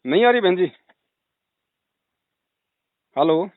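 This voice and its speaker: A man's voice: high-pitched, expressive, takes it slowly, no room sound. Man preaching over a breaking-up phone line. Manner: earnest, preachy. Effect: breaking-up phone connection. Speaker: religious phone counselor. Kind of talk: phone advice call. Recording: dry, tinny phone line.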